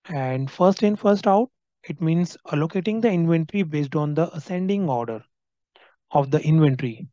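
A man walking through a software screen recording as a trainer, explaining each field and often checking in with "right?". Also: fairly high pitch, no room sound, lo-fi sound. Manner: explanatory, frequent tag "right?".

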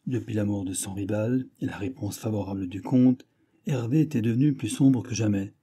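Dark, husky male audiobook narrator. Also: on the low side. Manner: measured, even storytelling. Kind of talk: scripted narration.

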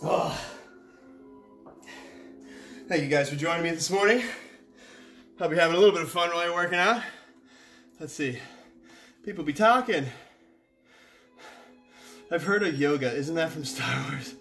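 A fitness coach leading a live workout, energetic and encouraging, counting down reps and puffing out loud breaths while exercising along. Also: mid-range voice, moderate pace, pauses often. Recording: echoey room with faint music.

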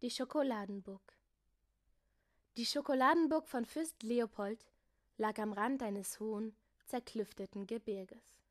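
A woman with a fairly high voice reads a children's novel aloud. Her storytelling is lively and steady as she moves through the narration. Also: unhurried, long pauses. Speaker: reader.

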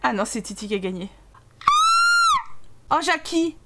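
A young woman giving casual commentary while playing a life-sim game, animated and exclaiming, swearing when things go wrong. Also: a little high, a little slow, raised voice, very noisy. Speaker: gaming YouTuber. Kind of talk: casual let's-play commentary.

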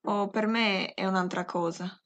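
A woman reading the part of a bereaved young mother who speaks quietly and evenly, with detached calm. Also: medium pitch, unhurried, lightly acted. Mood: numbed calm.

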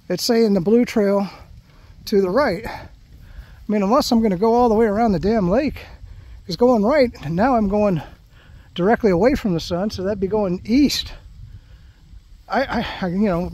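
A man with a high voice talks his way through a hike, chatty and rambling, with plenty of "you know" between thoughts. He records himself outdoors, with crickets and other rural sounds faint behind him. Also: darkish tone, no echo. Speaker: hiking vlogger. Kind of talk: casual vlog narration while hiking. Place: outdoors on a grassy trail through palm scrub.

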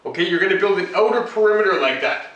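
This cooking host's voice is high-pitched and fast, with lively intonation and a fairly bright tone. He guides the viewer through his home-kitchen demonstration in a chatty, joking manner. The lo-fi audio comes from a camera mic far off in the echoey room.

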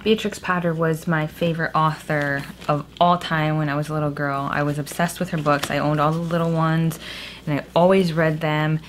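A woman's voice: low voice, flat delivery, moderate pace. A young woman chatting casually about a book haul as a vlogger, recorded in a small room with a cave-like echo. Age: young adult. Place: small indoor room at home. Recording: echoey cave-like room, clear background noise.

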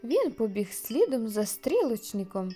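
A woman narrating a children's audio tale in a lively, expressive way. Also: on the high side, measured pace, soft background music. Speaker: storyteller.

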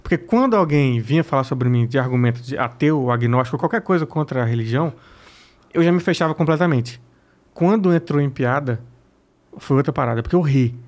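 A man with a Brazilian accent, a comedian guest in a casual interview, telling stories in a blunt, profane, animated way. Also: medium pitch, brisk.

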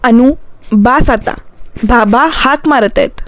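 A woman's voice: on the high side, slow, no echo. A woman voicing a young husband who is firm but caring, in her own voice.

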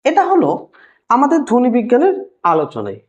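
A woman teaching a language lesson, patient and explaining step by step, repeating key terms slowly. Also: a little high, huge pitch swings, a little mellow, highs cut off.

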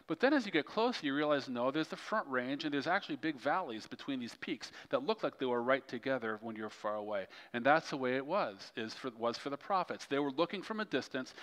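A male pastor preaching a sermon with animated storytelling. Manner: storytelling, animated swings in pitch and loudness. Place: large church hall. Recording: long church hall reverb.

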